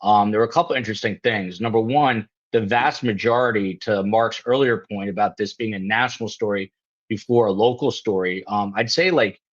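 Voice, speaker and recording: A man's voice: lowish voice, a little fast. A man hosting a live show, talking casually and rambling with lots of ums and you-knows over a video call. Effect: video call audio. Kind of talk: casual panel chat on a live stream. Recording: dull lo-fi video call line.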